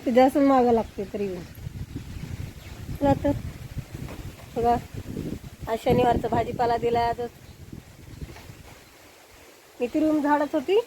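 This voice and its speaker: High-voiced village woman chatting outdoors. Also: unhurried, long pauses, background noise. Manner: chatty, showing things to viewers. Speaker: vlogger. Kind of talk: casual village vlog.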